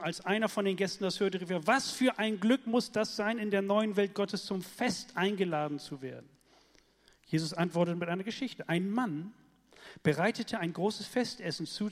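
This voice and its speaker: A man preaching a sermon in a lively, conversational way, often checking in with his listeners. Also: sits high, long reverb tail.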